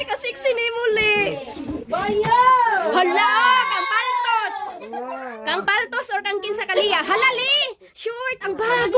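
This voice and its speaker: Woman, vlogger, exclaiming, very high voice, loud crowd around. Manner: exclaims constantly, addresses viewers as friends. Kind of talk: excited unboxing vlog.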